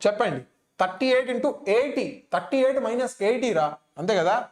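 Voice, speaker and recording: A physics teacher, a native Telugu speaker with a Telugu Indian accent, runs an exam-coaching lesson in a very high, lively voice at a very fast pace. He works through sums aloud, repeats phrases, and prompts his students with questions.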